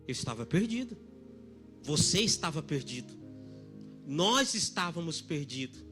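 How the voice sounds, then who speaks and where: A middle-aged man preaching a sermon at a church service, emphatic, dropping very soft for quoted lines. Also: on the high side, big pitch swings, measured pace, soft background music. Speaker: pastor.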